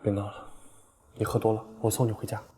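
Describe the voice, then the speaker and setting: An actor playing an aloof, dutiful young alien prince in a screen drama, stern, restrained and terse. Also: male voice, fairly low pitch, level tone, brisk, dark tone, husky, in a whisper. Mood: firm, restrained. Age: young adult.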